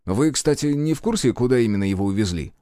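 A man's voice: medium pitch, expressive, quick pace, mellow, smooth, dry recording, studio quality, close to an everyday voice. A man reading a cheeky earnest young man. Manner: earnest, defensive, casual. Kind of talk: audiobook character voice.

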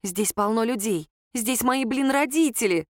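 A flustered young woman, quick to protest and exclaim, as a woman reader plays her. Her lines jump up with embarrassed indignation in a storybook reading, recorded dry and close. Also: fairly high pitch, no echo, lightly acted.

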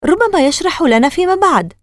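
A scared young boy from a children's audiobook, as a woman reader puts him on, his voice pushed well up high and a little louder than the narration. He sounds anxious and pleading. The recording is dry, close and clean. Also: expressive, fast, no room sound. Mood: worried. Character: frightened young boy, the brother.

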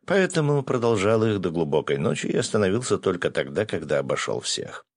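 A man's voice: deep voice, very animated, fairly quick, slightly rough, no room sound, studio quality. A man narrating an audiobook in the first person, telling the story expressively.

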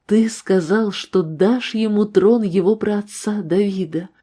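A woman's voice: mid-range voice, slow pace, mellow. A woman reading the part of a devout, earnest mother in a storybook reading. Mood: prayerful. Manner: earnest, pleading. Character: devout mother, firm yet loving.

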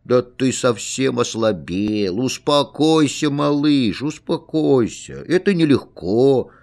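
A man's voice: mid-range voice, animated, slow pace, creaky, darkish tone. A man voicing a worried father who coaxes and pleads with his sick little boy in a children's story. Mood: pleading. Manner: coaxing, pleading, exasperated.

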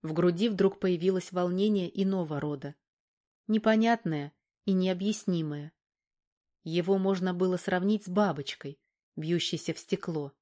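A woman reading an audiobook in a measured, even narration. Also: fairly low pitch. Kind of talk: scripted narration.

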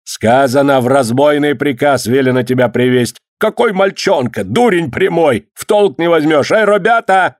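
A man voicing a gruff, commanding male government clerk who scorns the peasants. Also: a little high, normal speed, hardly any pauses, no room sound, clean studio sound, pitched above the performer's own voice, lightly acted. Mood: scornful, commanding.

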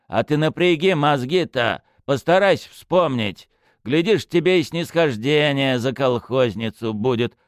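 A man's voice: medium pitch, animated, a little slow, dry recording, studio quality, pitched above the performer's own voice, lightly acted. A man voicing a stern male police chief who talks in curt commands.

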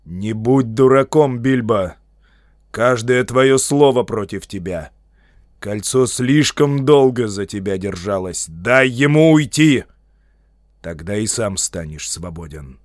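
A man reading an audiobook, voicing an old male wizard who speaks calmly and low, turning stern and commanding. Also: husky, no room sound, clean studio sound, exaggerated voice. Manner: calm, low, measured, then stern.

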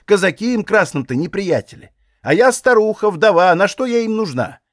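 A man's voice: high-pitched, animated, normal speed, no echo, clean studio sound, voice pushed up. A man voicing a nosy, grumbling old widowed Cossack aunt who chides in folksy village speech. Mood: scoffing. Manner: chiding, fussy village speech.

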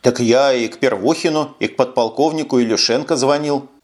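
A man's voice: mid-range voice, a little fast, a little mellow, close to an everyday voice. A man voicing a young male duty officer who explains himself nervously and apologetically in an audiobook. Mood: apologetic.

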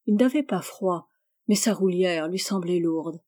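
Woman storyteller, measured and gentle, warm dark-leaning voice for a read-aloud tale. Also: fairly low pitch. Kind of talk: scripted story narration.

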